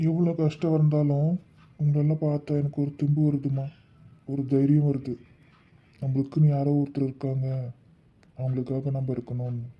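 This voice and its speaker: A man's voice: mid-range voice, flat delivery, moderate pace, long pauses, natural voice. A man playing a humble, struggling father. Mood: gentle. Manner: pleading, earnest, gentle with family. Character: poor, humble working father. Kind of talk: amateur family skit acting. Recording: dull lo-fi recording.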